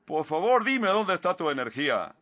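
A preacher voicing a pleading, seductive woman in a high, drawn-out falsetto, on a slightly muffled recording. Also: sing-song, a bit bright, no echo.

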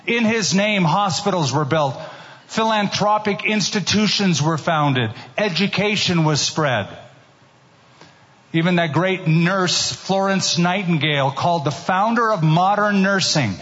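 Man preaching at a pulpit microphone, fairly high voice, emphatic delivery, dull lo-fi sermon recording. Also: a bit bright. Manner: emphatic, slows down sharply on key phrases. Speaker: pastor. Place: church sanctuary with seated congregation.

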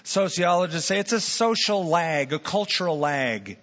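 A man's voice: high voice, animated, moderate pace, a bit bright, long reverb tail, highs cut off. A man preaching a sermon as pastor, telling stories and acting out imagined voices to make his point.

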